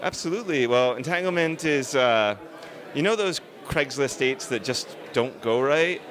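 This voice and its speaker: A man's voice: mid-range voice, animated, moderate pace, a bit bright. A man, a film director, answering interview questions on a red carpet in an earnest, emphatic, discursive way.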